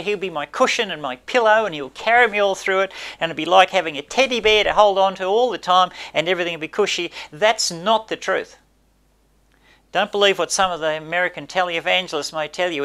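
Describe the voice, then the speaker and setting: An older man preaching a sermon in a small church, emphatic and gesturing, his voice dropping low at the ends of points. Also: fairly bright tone. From Australia. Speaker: pastor. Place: small indoor church space by a brick wall.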